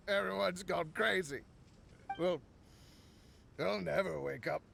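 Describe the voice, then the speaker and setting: Cackling mad drunk scientist. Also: male voice, high-pitched, extremely slow, creaky, pushed and bright, a little hiss or hum, exaggerated voice. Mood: manic, cackling. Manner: giggling, rambling, unhinged. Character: drunk crazed male researcher, cackling.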